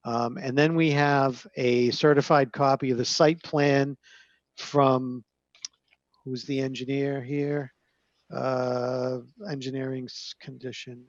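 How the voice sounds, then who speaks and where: Man on a video call, muffled call audio, dry sound, hesitant, measured delivery with many fillers. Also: mid-range voice, darkish tone, no room sound. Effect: heard over a video call. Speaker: staff member presenting an application to a zoning board. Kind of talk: presenting documents page by page at a public meeting. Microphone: computer microphone on a video call. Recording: dull, narrow-band call audio.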